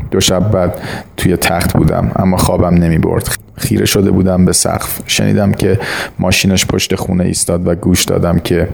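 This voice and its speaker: A man narrating a short story in a slow, measured audiobook reading. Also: deep voice, gravelly, a little mellow.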